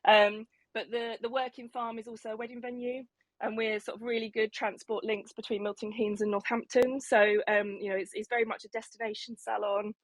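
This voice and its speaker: A woman's voice: a little high, flat delivery, brisk, no room sound. A woman, a salon owner chatting casually, slightly out of breath, with many ums and restarts. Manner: rambling, lots of ums and restarts. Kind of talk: casual chat on an audio room.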